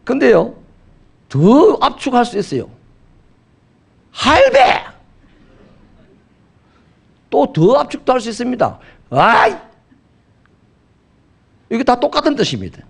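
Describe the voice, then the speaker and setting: A middle-aged male pastor, preaching a sermon with animated storytelling. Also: extremely high pitch, fairly quick, vocal fry, slightly rough. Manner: animated storytelling with acted quotes.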